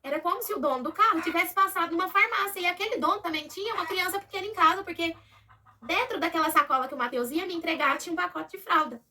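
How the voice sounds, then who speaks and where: A Brazilian woman telling a personal story to her viewers in a casual, animated way, acting out what others said. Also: extremely high pitch, fast, far from the mic.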